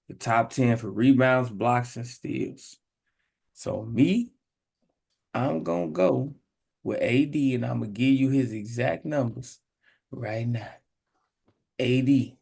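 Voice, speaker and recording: Man, hoarse voice, gravelly, casual podcast banter, emphatic. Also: medium pitch, darkish tone. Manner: loose, slangy, emphatic. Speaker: podcast co-host. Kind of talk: casual sports chat.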